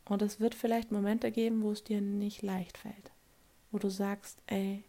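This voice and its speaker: A woman coach talks straight to her listener in an earnest motivational monologue. Her voice sits at a middle pitch with a steady gravelly fry. She often checks in with a quick question for agreement. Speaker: life coach.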